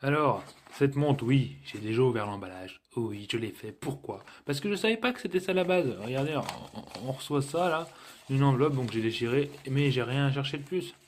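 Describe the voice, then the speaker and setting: A tech reviewer talks casually through unboxing a cheap gadget, joking and filling gaps with hesitations and many fillers. His medium-pitched voice is expressive, at a moderate pace.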